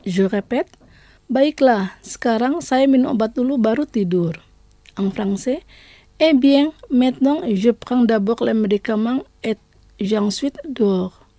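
A woman hosting a scripted radio language lesson, speaking slowly and repeating each phrase twice. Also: fairly high pitch, mellow, no echo.

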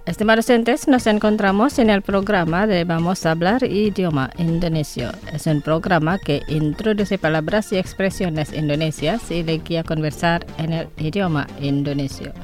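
A woman presenting a scripted radio language lesson. She speaks slowly and carefully and says each word twice for listeners to repeat. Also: fairly low pitch, a little mellow, soft background music.

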